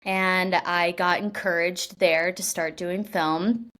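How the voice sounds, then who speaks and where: Her pitch is fairly low and her intonation fairly even, with a slow delivery and a fairly bright tone. The speaker, a young actress from Washington state, laughs and chats casually through an interview, packing in "like" fillers and restarts.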